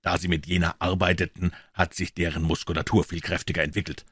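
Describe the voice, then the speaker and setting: A man voicing a shrewd, calm detective who explains in a low, measured, quietly assured way in an audiobook. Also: breathy edge, no room sound. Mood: explaining. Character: shrewd calm male detective, dryly ironic. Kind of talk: audiobook character voice.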